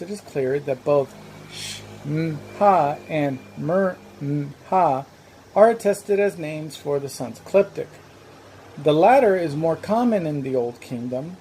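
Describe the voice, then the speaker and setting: A measured, explanatory narrator delivers scripted educational narration in a warm, mellow tone. A faint hiss sits behind the voice. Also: medium pitch, poor audio.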